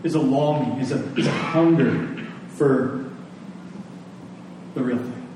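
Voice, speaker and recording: A man with a medium-pitched voice preaches slowly to a congregation, leaning on rhetorical questions and repeated phrases for emphasis. The room is very echoey, the mic is distant, and there's faint background noise.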